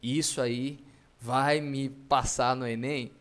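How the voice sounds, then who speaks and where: A man's voice: medium pitch, fairly even intonation, slow pace, pitched below the performer's own voice, natural voice. A man voicing a confused student who keeps asking the teacher doubtful, whiny questions. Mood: puzzled.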